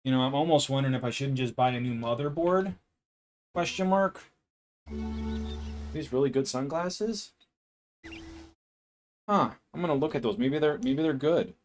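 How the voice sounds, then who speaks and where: A man with a fairly deep voice chats casually on a live stream from home, speaking into a desk microphone. He thinks out loud in a rambling, unhurried manner while soft music plays in the background.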